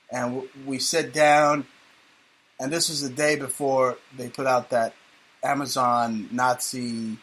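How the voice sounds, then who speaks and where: A man's voice: medium pitch, a bit bright, poor audio. A man hosting a talk radio show, rambling and joking in a sardonic way. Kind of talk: casual talk radio banter.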